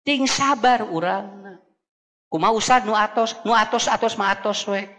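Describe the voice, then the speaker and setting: High bright Sundanese preacher in a hall. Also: male voice, moderate pace. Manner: switches between Sundanese and Indonesian, jokes with the congregation. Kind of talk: humorous sermon. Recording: long hall reverb.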